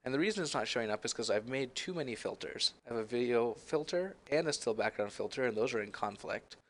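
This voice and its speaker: Speaking fast and animatedly at a medium pitch, a young man narrates a software tutorial over a screen recording. He keeps things friendly and conversational as he covers every step.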